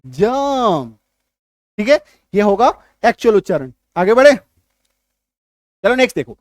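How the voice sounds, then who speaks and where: Man teaching, quizzing with quick questions. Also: sits high, big pitch swings, dry recording, studio quality. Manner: repeats points and quizzes the listener with quick questions; drills word lists aloud, one word at a time. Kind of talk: spoken classroom lesson.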